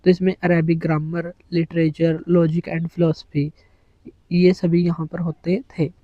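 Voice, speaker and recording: Male teacher, slightly high voice, lecture delivery, dry muffled recording. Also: little pitch movement, unhurried, no echo. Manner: explains in Hindi mixed with English terms, lists items one by one. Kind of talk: exam-prep lecture.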